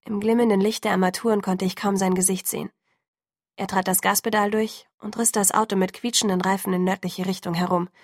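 A woman narrating a novel in the first person, reading in a steady, measured way. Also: medium pitch, no room sound, clean studio sound. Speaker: audiobook narrator.

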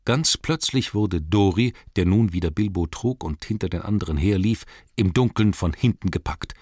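A man narrating a storybook in a measured, dramatic reading, slowing down for emphasis. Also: deep voice, animated, a little mellow, no echo, clean studio sound. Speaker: audiobook narrator.

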